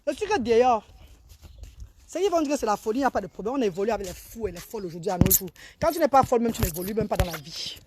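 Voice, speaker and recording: A woman, selling products on a casual live stream in loud sing-song sales calls with chatty asides to commenters. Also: fairly high pitch, expressive, very fast, a little hiss or hum. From Cameroon. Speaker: online seller on a live stream.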